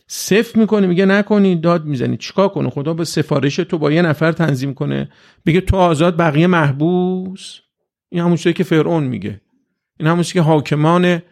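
A man with a gravelly, slightly raised voice delivers a religious lecture. He argues through pointed rhetorical questions and acts out the voices of the people he quotes. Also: on the high side, a little mellow.

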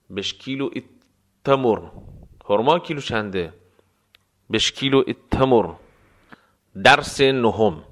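Man teaching phrases by slow repetition. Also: medium pitch, fairly bright tone. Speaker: language teacher. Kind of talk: spoken phrase lesson with repetition.

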